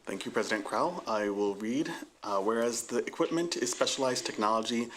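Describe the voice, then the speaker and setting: A man speaking as a councilmember at a council meeting, reading ordinances aloud slowly and with filler uhs. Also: medium pitch, lively intonation, a bit bright, a little hiss or hum. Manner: slow and measured, with filler uhs. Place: city council chamber.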